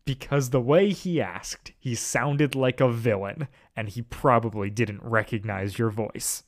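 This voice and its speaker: A man voicing a calm, slightly hesitant older mentor in a fan story, halting now and then. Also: medium pitch, close to an everyday voice. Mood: measured.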